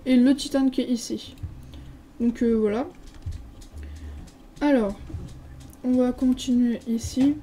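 A woman with a French accent walks through a game server, reading out signs and filling pauses with hesitant filler sounds. Her voice sits a little high but sounds very warm and mellow. A faint background noise runs under the casual home recording. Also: rough recording. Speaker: gaming video creator.

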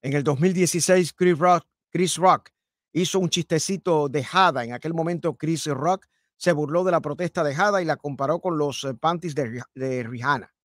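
A man's voice: fairly high pitch, normal speed, no echo. An older man hosting a live radio talk show from a studio microphone, emphatic and repeating key phrases. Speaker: radio host. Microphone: studio mic with headphones.

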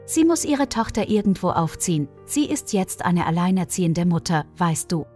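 A woman's voice: on the low side, sing-song, moderate pace, a little mellow. A woman voicing a firm middle-aged mother who speaks matter-of-factly to her grown son, with faint music behind.

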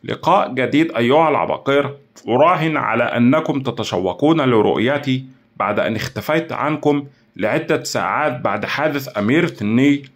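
A man's voice: mid-range voice, expressive, brisk, pitched above the performer's own voice, natural voice. A man playing a scheming, arrogant male villain in an audio drama, talking in a mocking, boastful tone. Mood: taunting. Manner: sneering, taunting, boastful.

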